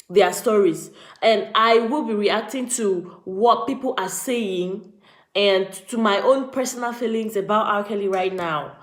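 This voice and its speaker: A woman's voice: mid-range voice, echoey room. A woman from Cameroon, chatting on a live vlog stream and greeting viewers by name. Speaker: vlogger. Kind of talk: casual live-stream commentary.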